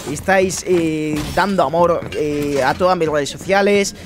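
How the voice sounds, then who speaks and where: A young man from Spain with a Spanish accent, chatting excitedly and casually to viewers while commentating his own gameplay. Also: fairly high pitch, unhurried, music in the background. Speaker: gaming YouTuber. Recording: noisy with game sound. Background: game sounds.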